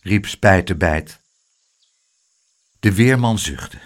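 A man reading a children's storybook aloud in a lively, expressive way. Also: low voice, slow pace.

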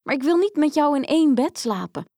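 A woman voicing a spoiled, squeamish young princess who talks in a high, whiny way, in a storybook reading. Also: big pitch swings, brisk, dark tone, no echo, studio quality. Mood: disgusted.

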